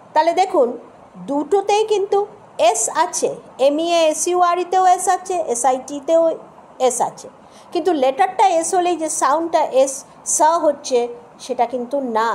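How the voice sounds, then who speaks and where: A woman's voice: sits high, a little mellow, a little hiss or hum. A woman teaching English pronunciation, spelling words out letter by letter, repeating sounds patiently and often checking that listeners follow. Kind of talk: spoken lesson with spelled-out words.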